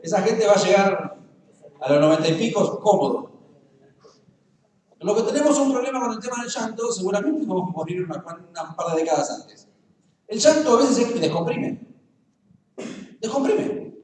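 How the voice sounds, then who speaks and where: Argentine preacher in a booming echoey church. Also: male voice, expressive, normal speed, pauses often, a little mellow, recorded from a distance. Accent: Rioplatense Spanish. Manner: humorous, conversational, addresses the congregation directly. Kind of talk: sermon. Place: church hall.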